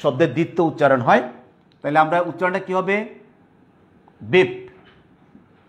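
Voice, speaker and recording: A man's voice: on the high side, very fast. A male teacher, giving a classroom grammar lecture and often checking whether students follow. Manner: explanatory, asks "clear?" to check understanding. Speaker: college Bengali teacher.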